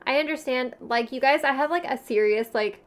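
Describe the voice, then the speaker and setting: Her voice is high-pitched and a little fast as she chats on her livestream. The Valley Girl accent, the slang, the frequent "like" filler and the giggles she slips in between phrases all mark this young woman's easygoing style.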